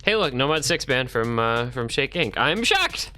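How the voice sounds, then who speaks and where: A young man doing casual esports commentary, teasing and quick to react. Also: medium pitch, bright, forceful tone, a little hiss or hum. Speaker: tournament commentator.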